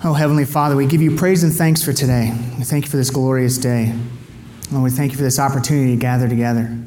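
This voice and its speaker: Brief: frank male testimony speaker, mellow voice, long hall reverb with faint background noise. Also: mid-range voice, fairly even intonation, fast. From United States. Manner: candid, confessional. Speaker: guest speaker at a men's gathering. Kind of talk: personal testimony and prayer.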